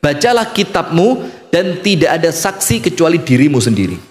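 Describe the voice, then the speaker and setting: Ustadz joking through a sermon, pitch all over the place, big echoey hall. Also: male voice, moderate pace. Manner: animated, jokey, acts out voices. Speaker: Islamic preacher. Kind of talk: humorous storytelling sermon. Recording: echoey hall with long reverb.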